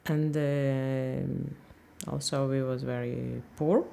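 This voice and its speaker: A woman in her fifties from Ukraine, speaking English, talks haltingly in a candid interview and often searches for words. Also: extremely low pitch, fairly even intonation, creaky, mellow, slight background noise. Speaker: interviewee, language teacher.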